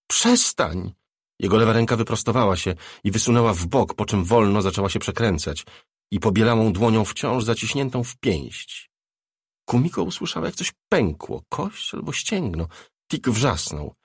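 A man narrating a novel in a measured, low-key reading. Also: husky, no room sound, clean studio sound. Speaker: audiobook narrator. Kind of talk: scripted narration.

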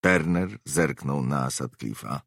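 A man narrating an audiobook with measured, expressive reading. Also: extremely low pitch, creaky, husky, dry recording, studio quality.

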